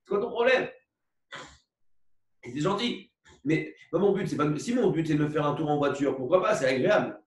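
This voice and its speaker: A man teaching a religious lesson, explaining slowly with many repetitions and asides and asking for agreement. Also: fairly high pitch, expressive. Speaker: Torah teacher. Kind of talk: religious lecture with a parable. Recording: echoey room recorded from far off.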